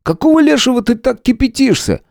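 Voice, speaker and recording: A man's voice: sits high, big pitch swings, moderate pace, darkish tone, no room sound, studio quality, voice pushed up. A man doing a blunt, hot-tempered detective. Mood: scolding. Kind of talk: audiobook character voice.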